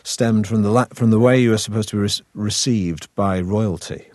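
This interview guest is an actor with a northern English accent from Manchester who chats in a wry, halting way with plenty of restarts. His lowish voice has a darkish tone and moves at normal speed, and the studio sound is clean with no echo.

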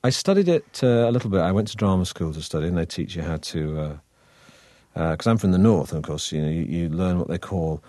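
In a relaxed interview, a Manchester-born actor talks wryly and hesitantly, often restarting his sentences. His voice is low-pitched, warm and expressive, and he speaks fairly quickly. The recording is dry.

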